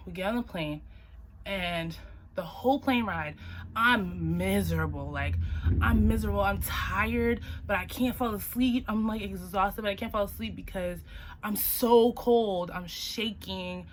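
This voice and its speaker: A young woman with a Boston-area accent, casually telling a personal story on her vlog and leaping up in pitch when she acts out her own lines. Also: moderate pace, a little hiss or hum. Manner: animated, jumps high when acting out her own quotes. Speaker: vlogger.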